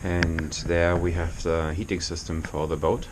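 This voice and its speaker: A very low-pitched man with non-native English talks through an informal video tour of his boat. His delivery is halting and explanatory. He is recorded in a small engine compartment, with clear noise behind the voice. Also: monotone. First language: not English. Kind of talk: informal vlog walkthrough.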